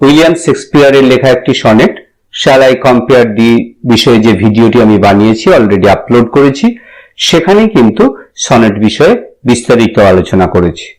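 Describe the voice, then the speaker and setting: A man's voice: medium pitch, poor audio. A man with a Bengali accent, teaching a poem to students and explaining each line with rising emphasis. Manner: recites the poem slowly, then explains with lively rising emphasis.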